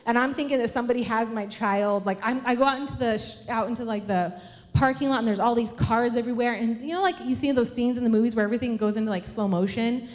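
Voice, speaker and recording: A woman in her thirties preaching a storytelling sermon, animated and acting out scenes with shrieks and laughs. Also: a little high, quick pace. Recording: long reverb of a large hall.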